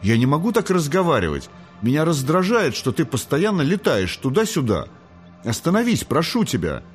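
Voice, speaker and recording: A man reading an audiobook, voicing a fiery, rebellious young girl angel who shouts in anger. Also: lowish voice, animated, normal speed, faint music behind, lightly acted. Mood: furious. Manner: shouting in anger, then quiet remorse.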